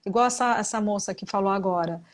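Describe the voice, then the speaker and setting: A woman's voice: medium pitch, fast talker. A middle-aged woman, a psychologist, giving blunt, emphatic relationship advice in a live talk, repeating her key points with religious framing. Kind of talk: live advice talk answering viewer questions.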